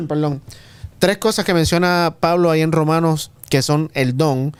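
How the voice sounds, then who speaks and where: A man's voice: on the high side, measured pace, smooth, no room sound. A man leading a casual Bible study discussion in a church group, asking others to look up verses. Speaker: Sabbath School discussion leader. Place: church room.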